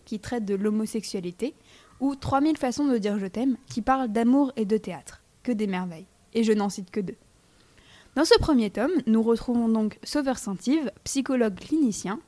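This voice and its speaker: A woman's voice: fairly high pitch, mellow. Playful teenage girl reviewing a book. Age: teens. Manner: playful, teasing, addresses listeners directly. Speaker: book columnist on a school radio show. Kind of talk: scripted radio book review.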